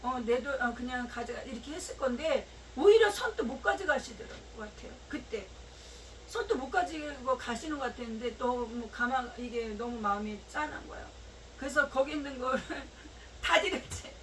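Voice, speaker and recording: A woman pastor telling a personal story in a sermon, her voice swelling into shouts and near tears. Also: sits high, normal speed, recorded from a distance, slight background noise, poor audio. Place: small church sanctuary.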